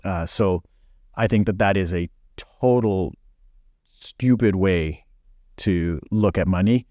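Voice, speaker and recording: Deep and dark in tone, this man speaks slowly on a dry recording. He's in his forties, was born in Belgium, and talks frankly in a casual podcast interview, filling his speech with fillers.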